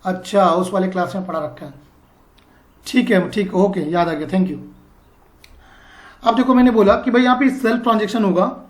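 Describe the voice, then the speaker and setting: A male accounting teacher giving a classroom lecture, explaining slowly and checking often that students follow. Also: sits high, reverberant.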